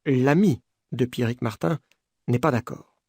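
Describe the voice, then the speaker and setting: An audiobook reader narrating a first-person detective story slowly and clearly for language learners. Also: medium pitch, no echo, studio quality. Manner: clear, deliberate, expressive.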